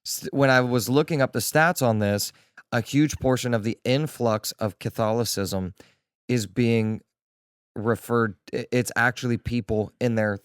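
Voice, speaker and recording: A man's voice: mid-range voice, a little slow, smooth. A man co-hosting a faith podcast, speaking in an easygoing, conversational way. He works through his ideas by repeating phrases and leaning on "like". His mid-range voice sits close and dry, with no room echo. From Delaware, USA. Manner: conversational, builds points with repetition, frequent "like". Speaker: podcast co-host. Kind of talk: casual chat.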